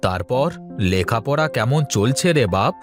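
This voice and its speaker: Cartoon: male VO as a calm indulgent farmer dad, mid-pitched, lively inflection. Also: unhurried, faint music behind, close to an everyday voice. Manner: soothing, indulgent, good-humoured. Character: easygoing village farmer father, indulgent and calm. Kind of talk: cartoon voice acting.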